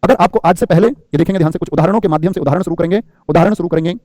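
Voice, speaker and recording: A man's voice: sits high, rapid-fire, mellow, no room sound, clean studio sound. A man teaching grammar in a classroom lecture, firing rhetorical questions and playing the students' answers himself, often calling his listeners friend.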